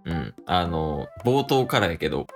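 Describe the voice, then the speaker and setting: A man's voice: deep voice, sing-song, a little slow. A man in his late twenties with a Kansai accent, playfully teasing and scolding his partner in an improvised comedy skit. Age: late 20s. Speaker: comedy duo member. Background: background music.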